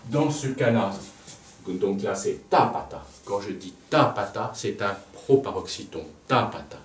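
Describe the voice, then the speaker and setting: A man teaching a music lesson at a blackboard, pausing to think aloud and repeating words to show where the stress falls. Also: fairly low pitch, expressive. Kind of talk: lecture at a blackboard. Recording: echoey room, voice from a distance, faint background noise.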